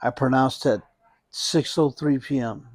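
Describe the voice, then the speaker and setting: A man speaking as a hospice nurse in a conversational interview, reflecting haltingly and often repeating and rephrasing his phrases. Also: mid-range voice, steady tone, no room sound.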